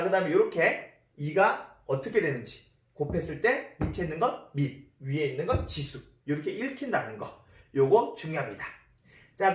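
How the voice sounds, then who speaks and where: High-voiced guy teaching math, bouncy pitch, echoey room, a bit far from the mic. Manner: lively, repeats key words, asks the class questions. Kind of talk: classroom math lesson. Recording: roomy echo, voice from a distance.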